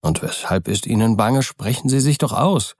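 A man's voice: mid-range voice, animated, normal speed, no room sound, studio quality, close to an everyday voice. A man voicing a concerned, earnest middle-aged male lawyer who presses insistently for answers.

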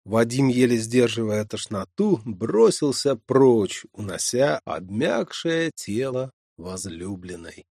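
Guy reading an audiobook, slow, gravelly, dry close sound. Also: medium pitch, dry recording. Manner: measured, expressive reading. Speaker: audiobook narrator. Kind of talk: scripted narration.

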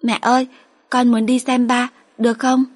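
A woman's voice: a little high, level tone, normal speed, dry recording, pitched above the performer's own voice, lightly acted. A woman voicing a small, earnest and tender girl in an audiobook, with a sweet, pleading childlike voice. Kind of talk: audiobook character voice.

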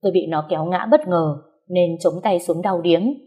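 A woman's voice: lowish voice, moderate pace, mellow, husky. Woman narrating a sad family story. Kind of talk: first-person story narration.

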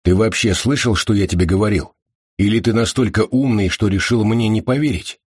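A sardonic male patient who jabs with cold sarcasm, played by a male audiobook reader. The voice is very deep and husky, close and dry with no room around it. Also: fairly quick, darkish tone, no echo. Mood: angry. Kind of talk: audiobook character voice.

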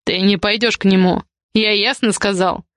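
A woman's voice: fairly even intonation, a bit bright, dry recording, studio quality, close to an everyday voice. A woman reading the lines of an angry, possessive man, a domineering guardian, with curt commands. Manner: curt, commanding, low and slow.

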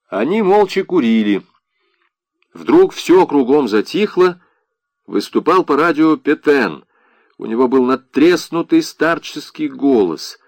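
A man narrating a literary audiobook in an expressive, dramatic way. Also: a little high, dry recording, clean studio sound. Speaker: audiobook reader.

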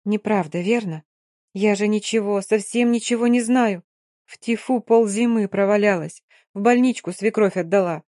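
A woman's voice: mid-range voice, normal speed, darkish tone, no room sound, studio quality, lightly acted. Woman doing a grieving young Romani woman. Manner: pleading, tearful, raised voice.

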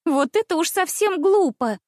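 A spoiled little girl of noble birth, high-pitched and bossy, who giggles and demands , as a woman puts her on for a storybook. The sound is dry and close. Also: lively intonation, moderate pace, a little mellow, no echo. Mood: capricious. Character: spoiled rich little princess girl, capricious.

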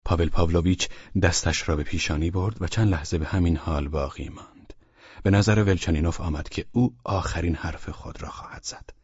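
A man narrating a classic novel as an audiobook in a measured, even storytelling manner, with a husky voice. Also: deep voice, no room sound, lo-fi sound.

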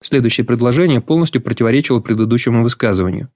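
A man reading a novel aloud as an audiobook narrator, in a measured, even storytelling manner. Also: mid-range voice, no echo, studio quality. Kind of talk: scripted literary narration.

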